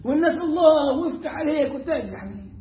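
A man with an Egyptian accent teaching Quran recitation, repeating words slowly to show how they are pronounced. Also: very high voice, roomy sound, lo-fi sound, slight background noise. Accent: Egyptian Arabic. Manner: demonstrates pronunciation by repeating words slowly, animated and emphatic. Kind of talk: Egyptian colloquial tajweed lesson.

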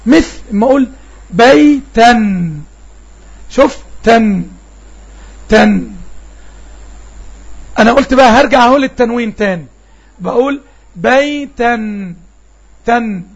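A man's voice: very high voice, normal speed, pauses often, breathy edge, muffled recording. A man with an Egyptian Arabic accent teaches an online Arabic lesson, patiently repeating sounds and quizzing his students.

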